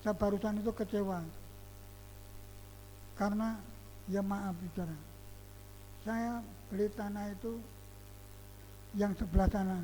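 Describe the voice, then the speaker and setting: A man with a high but dark, mellow voice delivers a sermon, speaking earnestly and bursting into loud emphasis now and then. The sound carries a long hall reverb with a faint hum underneath. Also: flat delivery, a little slow, long pauses. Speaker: pastor. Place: church hall.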